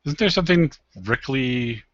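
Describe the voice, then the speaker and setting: A man's voice: mid-range voice, animated, normal speed, very noisy. A man chatting casually as a tabletop game player, tentative and often trailing off. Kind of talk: casual chat. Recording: dull lo-fi audio.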